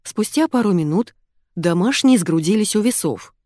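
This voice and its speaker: A woman narrating an audiobook in the first person, in an expressive, wry manner. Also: medium pitch, normal speed, no echo, studio quality. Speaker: audiobook reader.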